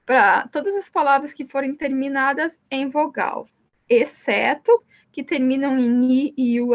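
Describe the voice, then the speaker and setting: High-voiced Brazilian woman teaching. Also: highs cut off. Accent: Brazilian Portuguese. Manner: explains step by step, says "então" and "ó" often. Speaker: Spanish teacher. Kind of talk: recorded classroom lesson.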